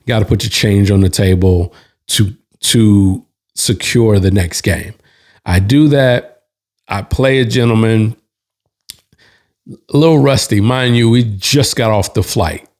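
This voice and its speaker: A man hosting, telling a bar story in a relaxed, slangy way with restarts and asides. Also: lowish voice. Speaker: host. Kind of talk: casual storytelling.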